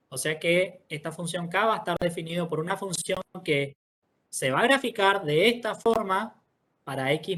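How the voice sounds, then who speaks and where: Patient teacher, step by step. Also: male voice, high-pitched, fairly bright tone. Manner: patient, explains step by step, checks in often with "¿sí?". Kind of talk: online class walkthrough.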